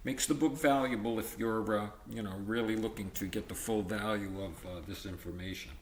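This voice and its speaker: Reading a textbook aloud fairly quickly, a man with a lowish, steady voice pauses for informal asides and his own explanations, checking in with "okay" and "all right" like a teacher. The room is echoey, with a little hiss or hum.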